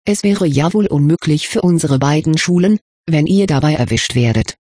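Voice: medium pitch, expressive, normal speed, a little mellow, slightly rough, dry recording, clean studio sound. A reader voicing a dismissive, cold-hearted teenage schoolgirl, in a storybook reading. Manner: cool, disdainful.

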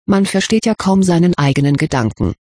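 A reader voicing a brusque, hurried young male wizard with a sarcastic, impatient way of talking, in an audiobook. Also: medium pitch, animated, a little mellow, no room sound, studio quality, natural voice. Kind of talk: audiobook character reading.

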